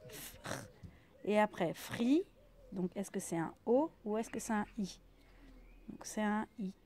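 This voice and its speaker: A woman teaching a reading game, sounding out each letter slowly one by one in a step-by-step demonstration. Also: mid-range voice, warm tone.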